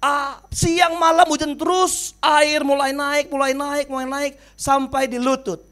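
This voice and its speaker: A male pastor telling a sermon story in an animated, dramatic way, often dropping his voice. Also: extremely high pitch, a little slow. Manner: animated, dramatic storytelling with sudden drops in volume.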